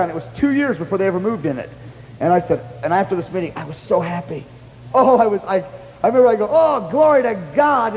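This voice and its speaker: Male preacher, high-pitched and animated, lively testimony storytelling, reverberant church hall with faint hum. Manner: animated storytelling, breaks into high excited exclamations. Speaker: pastor. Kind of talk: sermon testimony.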